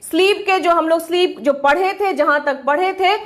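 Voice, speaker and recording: Young woman, high voice, teaching an online class and drawing out English phrases slowly. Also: a bit bright. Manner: mixes Hindi with English phrases, slows down sharply on English sentences.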